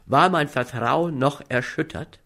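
Male audiobook reader, measured and expressive, slow delivery. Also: mid-range voice, gravelly. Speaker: audiobook narrator. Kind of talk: first-person literary narration.

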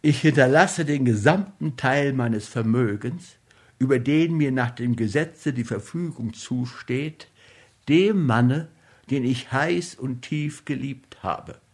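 Male narrator, slow solemn audiobook read, mid-range voice. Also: mid-range voice. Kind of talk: literary audiobook reading.

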